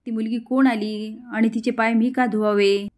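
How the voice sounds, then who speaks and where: A woman's voice: fairly high pitch, flat delivery, moderate pace, darkish tone, close to an everyday voice. A woman voicing a spoiled, snobbish rich teenage girl who talks in an irritated, dismissive way.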